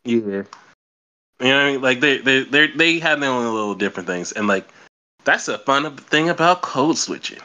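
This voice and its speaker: A man's voice: medium pitch, lively intonation, moderate pace, pushed and bright. A young man hosting a podcast, chatting casually and bluntly, swearing and repeating words as he thinks. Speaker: podcast host. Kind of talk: casual chat.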